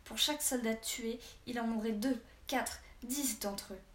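A woman's voice: a little high, steady tone, normal speed, close to an everyday voice. Lady reading as a hot-tempered arrogant baron guy, storybook noble, roomy echo, bit of hiss. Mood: furious. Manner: haughty, erupts into shouting. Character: irascible arrogant male baron, middle-aged noble.

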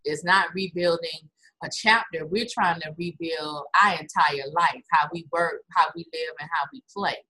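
An American woman hosts an online interview with lively enthusiasm. She leans into her words for emphasis. Her voice is bright, with a clear, forward edge. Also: sits low, moderate pace, rough recording. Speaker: host.

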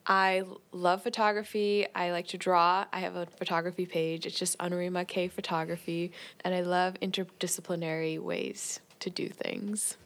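A woman's voice: fairly low pitch, fairly bright tone. Upbeat young woman hosting a podcast. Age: 20s. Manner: upbeat, promotional. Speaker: student podcast host. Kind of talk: casual podcast chat.

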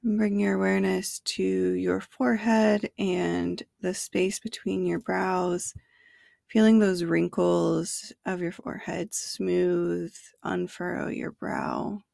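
A woman narrating a guided sleep meditation in a hushed, soothing bedtime manner that at times nears a whisper. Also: fairly low pitch, level tone, slow, creaky, dry recording. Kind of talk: sleep meditation narration, slow body scan.

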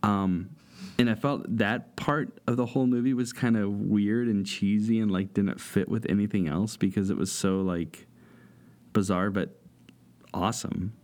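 A man's voice: lowish voice, fairly even intonation, a little slow, a little mellow. A man co-hosting a podcast, chatting casually and enthusiastically about movies, rambling and teasing. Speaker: podcast co-host.

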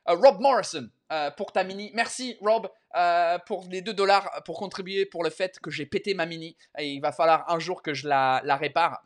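A man hosting a casual live stream in halting, word-searching French, often slipping into English as he reads out and answers viewer messages. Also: high voice, fairly bright tone. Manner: switches between French and English mid-speech.

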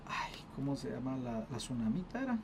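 A co-host retelling a Bible story in a casual faith discussion, animated and full of restarts, acting out the people in it. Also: medium pitch, a little fast, background noise. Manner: acts out quoted voices.

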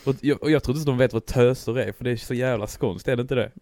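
A man's voice: mid-range voice, mellow, no room sound, clean studio sound. Chatty young man with a Skåne accent. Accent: Skåne Swedish. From Skåne, Sweden. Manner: joking, chatty, apologetic. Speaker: podcast co-host. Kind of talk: casual chat.

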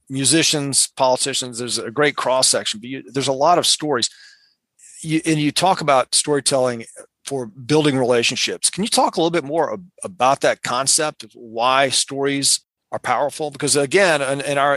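A man's voice: medium pitch, a bit bright, dry recording. Male podcast host, dry sound. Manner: long, rambling setups to his questions. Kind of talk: interview questions.

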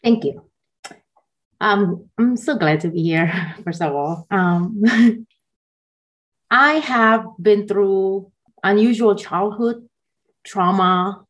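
A woman in her forties who grew up in Indonesia, a guest on a podcast. She tells her story softly and haltingly, with small laughs between phrases, at a middling pitch. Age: 40s. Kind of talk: personal story in a podcast interview.

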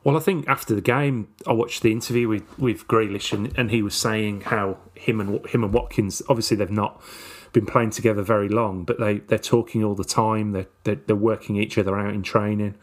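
Fairly low and fairly even in intonation, this football podcast co-host talks fairly quickly with hardly any pauses in a casual match review. He sounds hesitant, though, leaning on many fillers and repeated words.

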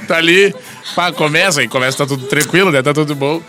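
A man's voice: a little high, quick pace, bright, forceful tone, soft background music. A man, telling a theatrical story in a casual panel chat. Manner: theatrical, swinging voice. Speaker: podcast panelist.

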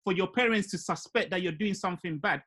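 High, quick-talking man. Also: a loud crowd. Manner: earnest, explanatory, uses rhetorical questions. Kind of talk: casual panel discussion.

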